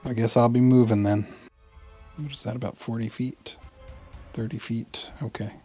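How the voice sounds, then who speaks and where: Un hombre que juega una partida de rol en línea, charla casual en voz baja, con un micrófono apagado y de baja frecuencia de muestreo. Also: male voice, medium pitch, flat delivery, normal speed, mellow, dull audio, faint music behind. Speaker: player in an online tabletop game. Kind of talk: casual game chat.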